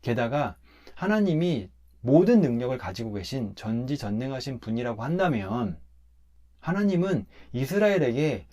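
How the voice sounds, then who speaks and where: A pastor walks through a Bible passage in a relaxed, conversational way, speaking emphatically as he explains it step by step. His voice is medium-pitched and his speed is normal.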